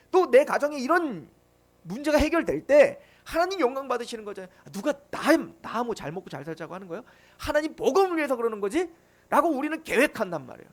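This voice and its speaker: A male pastor preaching a sermon, asking rhetorical questions and acting out pleading prayers. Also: very high voice.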